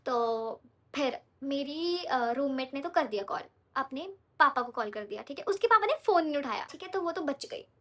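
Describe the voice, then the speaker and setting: A chatty young woman tells a storytime while doing her makeup. Her voice is high and bright. She keeps checking in with her viewers as she talks. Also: expressive, normal speed. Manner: chatty, often checks in with "okay?". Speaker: vlogger.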